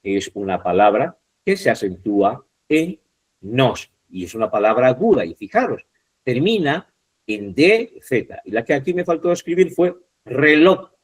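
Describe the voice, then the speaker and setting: A man teaching an online class, explaining step by step, repeating key words slowly and checking in with short questions. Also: mid-range voice, animated, husky. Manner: mixes vosotros and usted forms.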